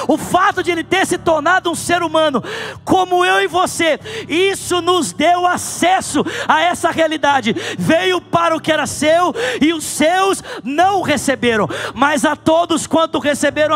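A man in his thirties preaching a sermon on a large church stage into a handheld mic, swinging from soft asides to loud, fervent shouting. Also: very high-pitched. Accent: Brazilian Portuguese.

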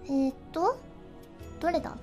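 A woman streaming a fighting game, chatting casually, often laughing and yelping excitedly as she plays, with game music behind her. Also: very high voice, moderate pace. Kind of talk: casual game livestream chat.

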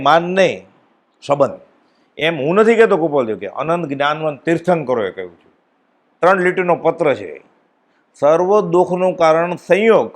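Animated man giving a devotional discourse. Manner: animated storytelling, acts out dialogue with swings in pitch and loudness. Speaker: spiritual speaker at a satsang.

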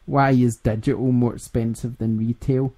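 A man's voice: medium pitch, flat delivery, moderate pace, dark tone. A Scottish man hosting a gaming podcast in casual chat, laughing often and rambling. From Scotland. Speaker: podcast host.

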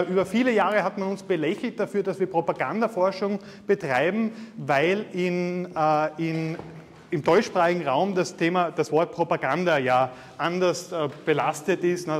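Speaking at normal speed in a high-pitched voice, a Styrian-accented Austrian man in his thirties delivers a university guest lecture. The large lecture hall gives the recording plenty of reverb. His style is chatty and self-deprecating, peppered with filler sounds.

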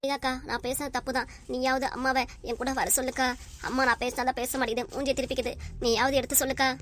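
A woman's voice: high voice, fairly even intonation, fast talker, slight background noise, lightly acted. A woman voicing a young married daughter who pleads desperately with her family in a cartoon comedy. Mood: pleading. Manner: pleading, plaintive.

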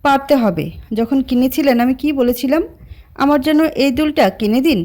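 A woman's voice: sits high, expressive, normal speed, a little mellow, pitched above the performer's own voice. A woman voicing a shy, teasing young woman in love, with a coy, pleading way of talking. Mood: shy, playful.

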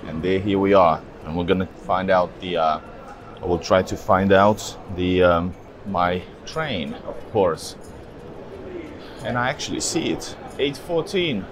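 A travel vlogger in his thirties, speaking in a low voice at an unhurried pace, films himself at arm's length on a handheld camera as he walks through a city railway station. He thinks aloud casually, uses lots of fillers, and calls his viewers "guys." He starts outside the station and moves into a large hall, with background noise throughout.

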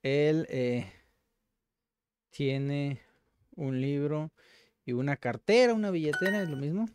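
Slow-talking man sounding out words. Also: a little high, darkish tone, clear, resonant tone, dry recording. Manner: repeats words slowly, sounding them out. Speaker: host. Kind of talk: casual language practice.

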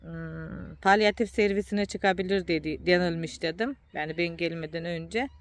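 A woman's voice: fairly low pitch, normal speed. A tired woman, chatting casually to her viewers as a vlogger and often calling them dear ones.

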